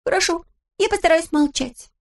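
A woman doing a bold, high-pitched storybook girl. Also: moderate pace. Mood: excited. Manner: excited, emphatic, tearful exclamations. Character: bold, tender-hearted girl, loud and impulsive.

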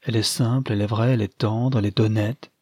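A man voicing a serious, troubled young gentleman who speaks in a confiding tone. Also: fairly low pitch, fairly even intonation, quick pace, husky, dry recording, clean studio sound. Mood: earnest.

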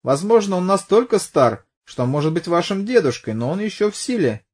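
Narrator as a sarcastic police detective, blunt, pressing, mocking, audiobook. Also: male voice, sits high, big pitch swings, moderate pace, darkish tone, husky, pitched above the performer's own voice, exaggerated voice. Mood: probing. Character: pushy sarcastic middle-aged police detective.

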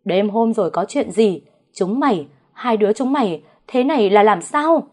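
A woman's voice: medium pitch, lively intonation, normal speed, darkish tone, voice pushed up, lightly acted. A woman voicing a stern old father of the house who barks angry questions in the night. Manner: barking questions.

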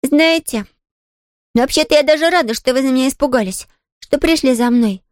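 A woman reading an audiobook, voicing an eager, chatty little orphan girl who is quick to reassure others. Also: high voice, no room sound, studio quality, voice pushed up, close to an everyday voice. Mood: bright.

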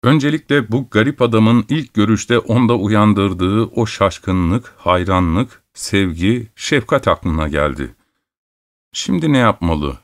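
Casting: male audiobook narrator, low, steady, measured reading.

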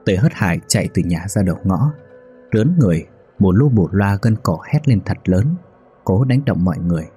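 A man calmly narrating a ghost story in a measured, scripted way. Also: deep voice, husky, soft background music.

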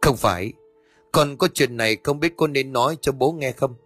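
A man's voice: mid-range voice, moderate pace, a bit bright, dry recording, faint music behind, natural voice. A male narrator voicing an anxious young man who talks hesitantly to his father. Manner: hesitant, timid.

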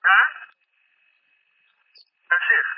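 A man calling in with a question and persistently addressing the scholar. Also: slow pace. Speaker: caller. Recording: muffled phone line with faint hiss.

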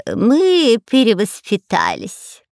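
A woman's voice: on the low side, expressive, unhurried, creaky, darkish tone, slightly rough, no echo, clean studio sound, heavily acted. A woman voicing a sly male spy who talks through his nose and lies sweetly in a storybook reading. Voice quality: nasal. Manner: sly, wheedling.

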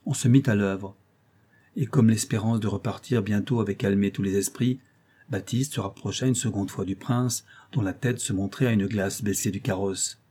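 Homme au timbre sombre lisant un conte. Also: male voice, on the low side, fairly even intonation, mellow, breathy edge. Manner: measured, storytelling delivery. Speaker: audiobook reader. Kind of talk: scripted narration.

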